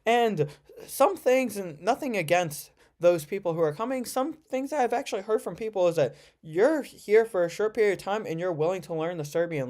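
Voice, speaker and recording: An American student of around twenty, with a slightly high, slightly mellow voice, hosts a livestream from the United States. He chats informally as he answers viewer questions, rambling and frequently correcting himself.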